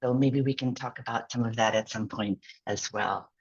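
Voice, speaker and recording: A woman with a low, husky voice introduces herself as a course facilitator. She rambles a little and speaks modestly. The sound is dull and lo-fi, like laptop video-call audio. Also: fairly even intonation, normal speed.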